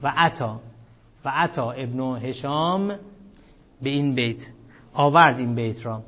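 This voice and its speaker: A man teaching Arabic grammar in a classroom lecture, quizzing his students and chanting Arabic text slowly. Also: mid-range voice. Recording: dull lo-fi classroom recording.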